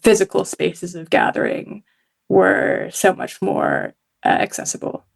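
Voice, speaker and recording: A woman's voice: fairly low pitch, wildly swooping pitch, measured pace, gravelly. A woman from Hong Kong, a journalist guesting on a podcast, talking casually with lots of fillers and frequent laughs. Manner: chatty, many fillers, laughs often.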